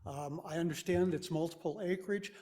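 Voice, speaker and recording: Senior male property owner at a hearing, fairly high voice, explaining his position to commissioners. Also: moderate pace, warm tone, breathy edge. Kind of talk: public comment at a hearing. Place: county meeting room.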